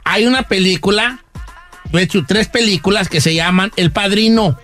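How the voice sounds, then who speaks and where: A man's voice: high voice, normal speed, fairly bright tone, soft background music. A man hosting a comedy radio show, teasing and laughing as he talks. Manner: joking, teasing, laughs while talking.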